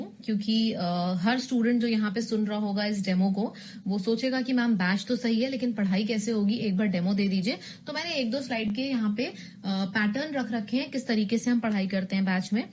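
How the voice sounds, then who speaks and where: A woman's voice: on the high side, a little mellow, slight background noise. A woman teaching English in a recorded online exam-prep lesson. She explains rules with memory tricks and keeps asking her students questions.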